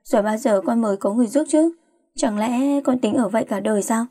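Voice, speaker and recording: Here a woman plays a fretful middle-aged mother, scolding and nagging constantly, in a fairly high, warm and slightly rough voice. She speaks briskly, and the recording is close and dry.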